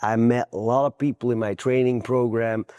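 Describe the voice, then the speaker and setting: A man's voice: mid-range voice, fairly even intonation, moderate pace, dark tone, smooth, dry recording, lo-fi sound. A man from Belgium, a guest coach giving earnest, plain-spoken interview answers with frequent restarts.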